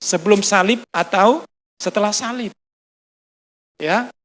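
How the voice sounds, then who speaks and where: Indonesian pastor telling a lively story. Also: male voice, high-pitched, takes it slowly. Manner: storytelling, acts out dialogue, frequent fillers. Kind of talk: sermon. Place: restaurant used for a Sunday service.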